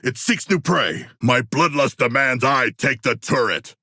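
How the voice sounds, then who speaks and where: A man's voice: mid-range voice, a little slow, pushed and bright, no room sound, clean studio sound. A man voicing a huge, bloodthirsty yet earnest shark king in a video game, speaking in formal, archaic, grandly declarative lines.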